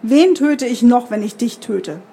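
A woman's voice: fairly high pitch, lively intonation, measured pace, mellow. A woman voicing a hostile male tree warrior who speaks in icy, hissing threats, reading aloud from a fantasy story. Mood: skeptical.

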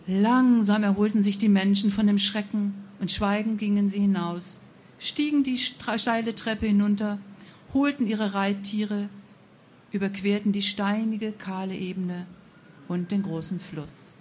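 A woman telling a fairy tale aloud, expressive, with a few slips and self-corrections. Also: mid-range voice, a little slow, slight background noise. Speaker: storyteller.

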